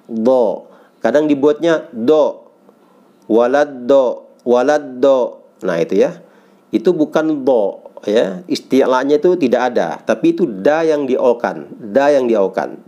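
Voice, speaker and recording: A middle-aged man with an Indonesian accent teaches beginners how to pronounce Arabic letters. His voice is warm and mellow, sitting at an ordinary pitch. He speaks patiently and repeats each syllable slowly so learners can follow. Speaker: Quran recitation teacher.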